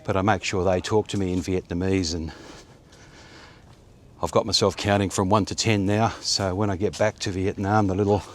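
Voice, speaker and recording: This walk-and-talk vlog features an Australian man in his fifties with a low, fairly flat voice at normal speed. He rambles casually with many fillers on a quiet, sunny suburban street, recording on a phone or action camera at arm's length.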